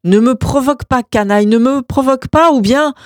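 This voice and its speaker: A man's voice: sits high, big pitch swings, measured pace, no room sound, studio quality. A woman playing a furious, hot-tempered man. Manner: shouting, threatening.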